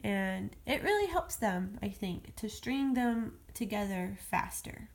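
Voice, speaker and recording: A woman with a gravelly, fry-tinged voice, speaking at an ordinary middle pitch. She walks through a phonics lesson in a loose, chatty way, sounding out letters as she goes. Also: lively intonation, a little slow. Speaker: homeschool teacher. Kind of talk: casual phonics tutorial. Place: at home.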